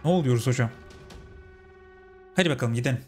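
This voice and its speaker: A young man commentates his game run, chatty and talking to his viewers like friends. His voice sits at an ordinary middle pitch. Soft game music plays underneath. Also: fast. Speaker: gaming channel host. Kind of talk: casual let's-play commentary.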